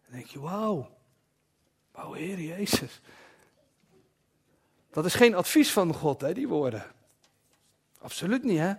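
Guy preaching a sermon, kinda high and husky voice, gets quiet and personal sometimes. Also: big pitch swings, slow pace, long pauses. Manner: personal, confessional, with soft dropped asides.

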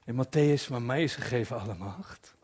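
A man preaching a sermon in a personal, confessional way, dropping to soft asides at times. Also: mid-range voice, fairly quick, breathy edge.

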